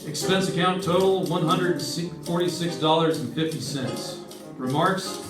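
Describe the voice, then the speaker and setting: A man with a fairly high, natural voice speaks a little slowly as a wry, hardboiled insurance investigator, narrating his case in clipped old-time radio detective style with a dramatic mood. It's a live stage performance, recorded with echo, a distant mic and music in the background.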